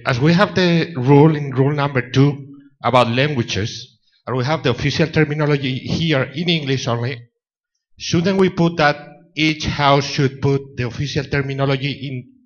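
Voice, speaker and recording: A man's voice: mid-range voice, moderate pace. A man from Spain asks a question from the audience, speaking politely and carefully in a mid-range voice. The recording is dull and lo-fi. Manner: polite, careful, slightly nonstandard English. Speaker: audience member asking a question. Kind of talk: question from the floor at a conference. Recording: dull lo-fi conference audio.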